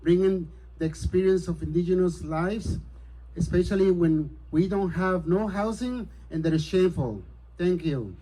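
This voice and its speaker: Earnest, mellow-voiced man from Peru. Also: sits high, normal speed, slightly rough, low-quality recording. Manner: earnest, hesitant, grows forceful. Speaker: city council candidate. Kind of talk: campaign speech.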